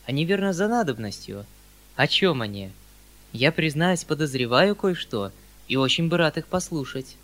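A man reading an audiobook voices an earnest young nobleman, polite and measured. The voice is close to the reader's own: bright and clear, with a slightly raised pitch. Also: lively intonation.

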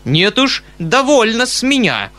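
A man voicing a fat, irascible older gentleman who shouts with indignation and runs short of breath. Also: very high-pitched, sing-song, unhurried, voice pushed up, heavily acted. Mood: indignant.

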